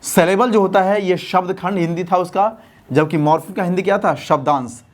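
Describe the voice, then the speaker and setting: A male English teacher gives a classroom lesson in a voice that sits on the higher side for a man. He keeps asking his students questions and then answering them himself, and he slows down to a steady dictation pace whenever he spells out a word. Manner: slow, deliberate dictation when spelling out words. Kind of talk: classroom-style lesson explanation.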